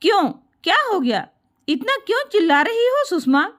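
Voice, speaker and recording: A dutiful grown son who reasons patiently and pleads earnestly, voiced by a woman storyteller. The voice stays very high and lively, close to the teller's own. It is a spoken storybook tale. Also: moderate pace, full character voice. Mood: reasoning.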